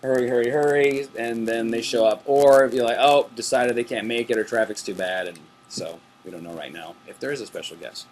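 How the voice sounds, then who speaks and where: A man's voice: mid-range voice, a little fast, few pauses, slight background noise. A middle-aged man hosting a casual backstage webcast, reading out viewer questions in an easygoing, chatty way and laughing between them. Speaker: webcast host.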